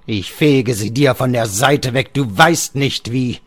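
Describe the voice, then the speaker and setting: A man's voice: medium pitch, takes it slowly, a bit bright, no echo, pitched above the performer's own voice. A man voicing a raging old father. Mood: mocking. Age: older. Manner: ranting, raising his voice in bursts. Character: old bedridden father, furious and scornful. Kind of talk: audiobook reading.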